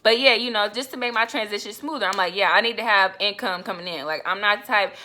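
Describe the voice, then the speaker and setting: A young woman from Florida, talking in a casual vlog. Her voice is bright and ringing, and she tells her story in a chatty, animated way, often calling out to her viewers. She sits at a middle pitch for a woman. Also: fast talker, a little hiss or hum. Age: young adult. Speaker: vlogger.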